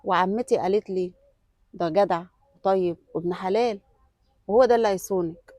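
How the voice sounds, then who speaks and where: A young woman with an Egyptian accent playing a young woman who tests a suitor, pleading at first and then calm and self-assured. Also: mid-range voice, brisk, no room sound, close to an everyday voice. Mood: confident. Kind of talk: web sketch acting.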